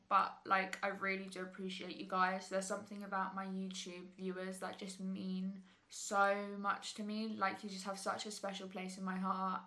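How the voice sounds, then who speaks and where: Teenage girl, bright clear tone, rambling chatty vlog, lots of "like". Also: mid-range voice. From England. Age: teens. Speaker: YouTuber. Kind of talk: casual sit-down vlog chat. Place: her bedroom at home.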